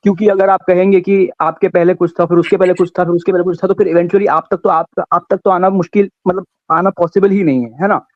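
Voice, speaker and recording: Guy calling in from india over a muffled call line, kinda high voice, earnest, keeps stopping to find words. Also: little pitch movement, no echo. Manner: halting, searching for words, earnestly argumentative. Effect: heard over a call line. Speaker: caller. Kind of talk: call-in debate question. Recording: dull lo-fi call audio, dry.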